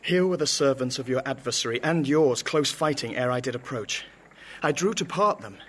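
An actor playing a calm, earnest young male nobleman trying to keep the peace, in Shakespearean stage acting. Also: medium pitch, moderate pace, husky. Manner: earnest, placating.

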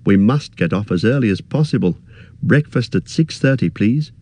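A man's voice: on the low side, lively intonation, normal speed, warm tone, no room sound, pitched above the performer's own voice. A man reading aloud, voicing a tired, worried young male hobbit who speaks politely.

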